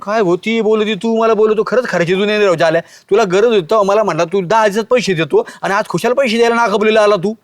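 A man's voice: sits high, quick pace, few pauses, no echo, lightly acted. A man playing a village man who scolds a friend for his unpaid debt, with an insistent manner. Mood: scolding. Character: village man demanding his lent money back.

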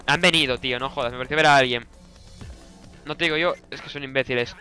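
A young man with a Spanish accent from Spain, giving let's play commentary, excitable and shouting orders at his teammates while swearing constantly. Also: medium pitch, fast talker, smooth, faint music behind. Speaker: gaming YouTuber.

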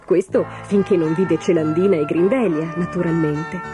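A woman narrating a children's fairy tale in an expressive, lively storytelling manner. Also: fairly low pitch, moderate pace. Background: background music.

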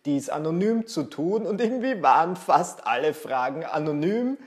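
A man, talking to camera on a lapel mic in a small bright room, sarcastic and theatrically exasperated. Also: fairly high pitch, expressive, moderate pace. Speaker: YouTuber. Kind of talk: casual vlog talk to camera.

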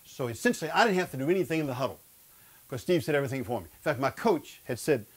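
A man in his fifties speaks fast with lively intonation at medium pitch, wearing a lapel mic on a studio stage indoors before a seated audience. Leading a men's Bible study, he gives a humorous sermon to the live crowd. He stutters and jokes about it.

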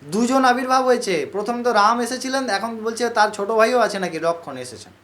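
A man's voice: very high-pitched, animated, a little fast, fairly bright tone. A man telling a devotional story in a conversational sermon style, repeating phrases for emphasis and voicing the characters himself. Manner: conversational, repetitive, acts out the characters. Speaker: religious storyteller.

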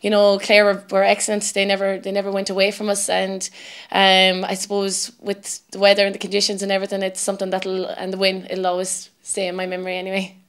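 A woman's voice: mid-range voice, completely flat delivery, quick pace, smooth. A woman in her twenties with a west of Ireland accent, giving reflective answers as a camogie player in a sports interview. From Galway, west of Ireland. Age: 20s. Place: indoor interview set with sponsor backdrop.

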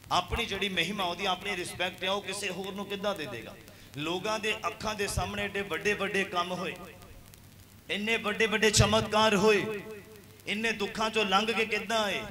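High-voiced pastor preaching to a crowd. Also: male voice. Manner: retells scripture as story, quoting figures with "he says"; rises to loud exhortation with congregation calls. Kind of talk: sermon.

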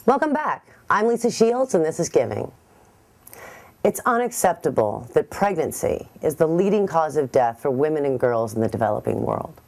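A woman in her thirties hosts a television show in a very low voice. She sounds measured and serious, and her pitch moves a lot. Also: very animated, darkish tone. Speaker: show host. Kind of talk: scripted television hosting.

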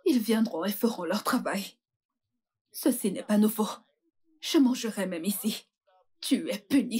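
A woman's voice: medium pitch, a little mellow, husky. An actress in a French dub playing a coarse woman prisoner from a poor district, who taunts her new cellmate. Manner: taunting, crude and boastful.

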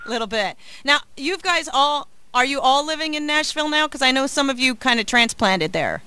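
A woman's voice: sits high, expressive, moderate pace, pushed and bright, no room sound. A woman hosting a casual radio interview, chatty and upbeat, with plenty of filler words. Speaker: radio host. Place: radio studio.

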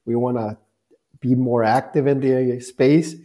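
A man in his forties from Guatemala, a company founder speaking as a guest on a video call with an earphone mic, telling his story in a relaxed way with plenty of fillers. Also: mid-range voice, measured pace. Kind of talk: conversational interview answers. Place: bright office room, indoors.

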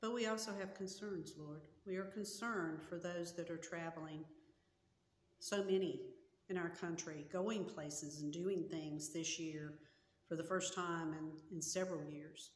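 Slow, earnest woman pastor in an echoey church. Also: lowish voice, fairly even intonation. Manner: slow, earnest and measured, with gestures. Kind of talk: sermon and prayer. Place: small church sanctuary with a cross on the wall. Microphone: camera in front at chest height. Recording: echoey church hall with long reverb.

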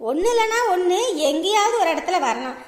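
A woman's voice: very high voice, animated, fairly quick. A woman playing a doctor in a comic skit, mocking and threatening the patient. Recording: echoey room with long reverb and faint music.

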